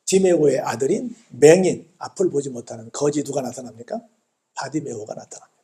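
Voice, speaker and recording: A male pastor preaching a Sunday sermon in a church, asking the congregation rhetorical questions, calling out hallelujah, and retelling a story with loudness that swells and drops. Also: mid-range voice, brisk. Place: church sanctuary.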